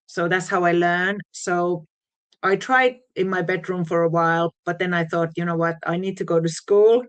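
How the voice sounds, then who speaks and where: In a relaxed interview, a guest DJ and producer from Finland, native in Finnish and Swedish, recounts her journey in music, laughing often and using fillers. She has a Finnish accent and a lowish, smooth voice with a steady tone and moderate pace.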